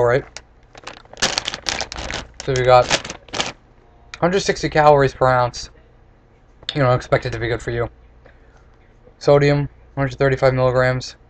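Faint noise sits behind a young man recorded on a webcam in a small room. His voice is of average pitch. He talks casually in a blunt, sarcastic way, like a home reviewer given to ranting. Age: 20s. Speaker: snack reviewer. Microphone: computer webcam at close desk distance.

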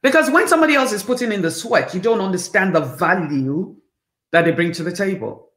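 A woman's voice: mid-range voice, animated, brisk, a bit bright, reverberant. Blunt, emphatic woman in her fifties. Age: 50s. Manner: emphatic, preachy, speaks bluntly and animatedly. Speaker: talk show host. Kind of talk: candid motivational monologue. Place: home living room, indoors.

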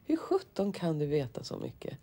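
Low-voiced Swedish woman interviewer. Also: huge pitch swings, warm tone. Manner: curious, probing questions with frequent brief affirmations. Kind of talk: interview questions.

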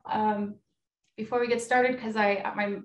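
A woman's voice: medium pitch, flat delivery, measured pace, far from the mic. American woman, echoey video-call room. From Pueblo of Isleta, New Mexico, USA. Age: 30s. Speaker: guest speaker. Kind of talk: informal personal talk to an online group. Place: small home room indoors, on a video call.

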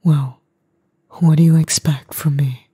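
A woman voicing an edgy young boyfriend, gruff but tender and worried, in a breathy, husky, halting ASMR role-play. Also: sits low, steady tone, mellow, no echo, studio quality, heavily acted. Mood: gently insistent.

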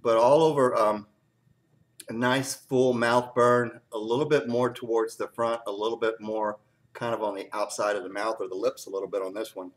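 A man doing a casual hot-pepper tasting review, teary from the heat. He talks haltingly, with lots of fillers, and keeps clearing his throat. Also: on the low side, steady tone.

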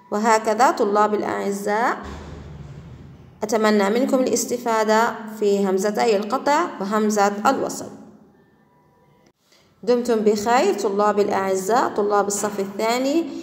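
A woman teacher giving a patient grammar lesson, repeating words slowly and praising her pupils often. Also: a little high. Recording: echoey room with long reverb.

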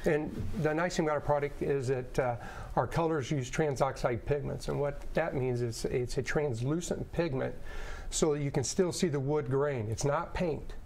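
A man in his fifties speaks as a guest on a studio talk show, his voice sitting a bit high. He explains earnestly, full of fillers and restarts, picked up by a clip-on lapel mic. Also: normal speed, vocal fry, a little mellow, slight background noise. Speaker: product representative guest. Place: TV studio set.

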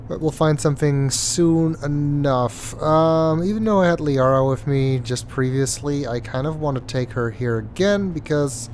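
A congested let's play host with a stuffy nose offers casual, hesitant commentary while playing a video game, full of ums and uhs. His voice is medium in pitch and a little mellow, with slight background noise.

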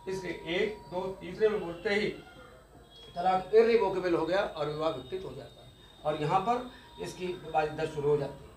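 A man's voice: sits high, moderate pace, darkish tone, roomy sound, a little hiss or hum. A man giving an exam-focused law lecture, explaining step by step and repeating key terms, with English legal words mixed in.

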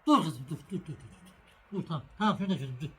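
A fairly high, slightly rough male voice comes rapid-fire and animated from this middle-aged vlog host. In his casual cooking and farm video, he prepares a sandwich for viewers and afterward calls and coaxes an animal.

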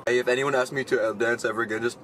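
A man's voice: mid-range voice, fairly even intonation, very fast, fairly bright tone, a little hiss or hum. A teenage man chatting casually into a phone camera from a car, giggly and self-deprecating. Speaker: vlogger. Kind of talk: casual vlog chat.

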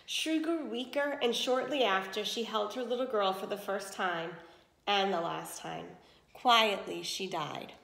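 Reading a picture book aloud to children the way a teacher would, this woman stops to explain things and check that they understand. Her voice sits at medium pitch, unhurried and fairly bright, with some vocal fry, and the room sounds reverberant.

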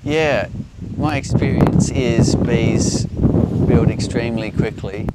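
A middle-aged Australian man explaining things off the cuff in a measured, halting way, recorded outdoors. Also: medium pitch. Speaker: beekeeper, presenter answering viewer questions. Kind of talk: unscripted explainer talk. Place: outdoors on an open grassy hillside. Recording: outdoor recording with loud background noise.

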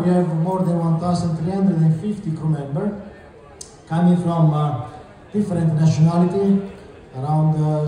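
A middle-aged ship captain with a southern Italian accent, a man giving an informal welcome speech in halting phrases. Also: a little high, warm tone. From Italy. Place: large ship atrium, indoors, before an audience. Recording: very echoey large hall.

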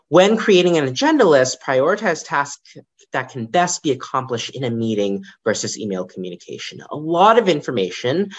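A young man gives a prepared lightning talk from a small room over a webcam. His mid-range voice moves up and down in lively swings, with an occasional um between points. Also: medium pitch, slightly rough. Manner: lively, varied intonation, occasional ums. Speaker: librarian giving a conference talk.

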